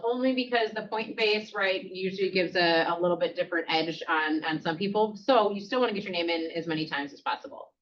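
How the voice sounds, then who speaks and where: A woman's voice: medium pitch, a bit bright, recorded from a distance. A woman hosting a casual office team meeting, talking loosely with fillers. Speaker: meeting host. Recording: dull muffled meeting room audio.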